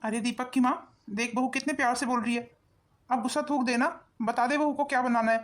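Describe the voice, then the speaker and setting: A woman's voice: on the high side, steady tone, brisk, close to an everyday voice. A woman voicing a patient elderly father-in-law in a cartoon, reasoning and mildly chiding.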